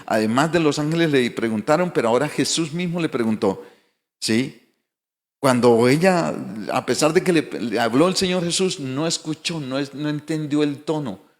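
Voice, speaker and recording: A man's voice: fairly high pitch, moderate pace, big-room sound. A male pastor preaching a sermon, building emphatic declarations and asking the congregation rhetorical questions. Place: church sanctuary.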